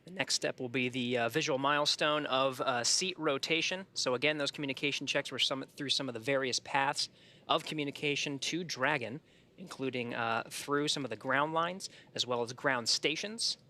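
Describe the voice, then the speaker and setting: Male broadcast commentator, bright crisp edge, mid pitch, explanatory live delivery. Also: moderate pace. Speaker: launch webcast commentator.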